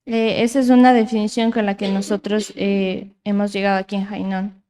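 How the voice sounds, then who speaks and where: A woman's voice: mid-range voice, flat delivery, normal speed, dark tone. A woman working as a live interpreter, relaying a talk a passage at a time.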